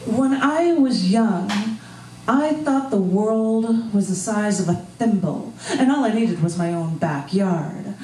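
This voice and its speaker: An American woman serves as both poet and host at a live open mic in an indoor bar gallery, performing spoken word with casual asides. Her mid-range voice is mellow, animated and slow, and the live recording sounds roomy, distant and noisy.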